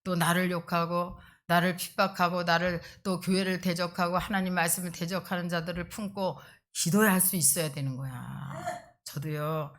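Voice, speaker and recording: A middle-aged woman pastor delivering a sermon with a somewhat low voice. She preaches emphatically and conversationally. She keeps drawing the congregation in with quick rhetorical asides.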